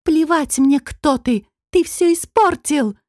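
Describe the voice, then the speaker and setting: A woman's voice: fairly high pitch, a little slow, darkish tone, no room sound, clean studio sound. A woman voicing a spoiled young noblewoman who screeches in fury. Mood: furious shrieking.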